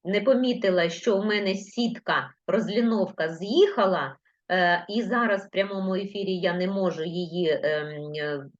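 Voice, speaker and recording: A woman teaching primary school children in a live online lesson, patiently dictating words slowly letter by letter. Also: medium pitch. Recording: lo-fi livestream audio.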